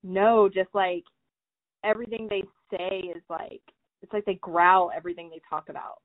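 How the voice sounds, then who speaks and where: A woman's voice: mid-range voice, steady tone, moderate pace, no echo. A woman co-hosting a casual book podcast, chatty and thinking aloud with lots of "like"s. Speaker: podcast co-host. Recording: tinny phone-like dry audio.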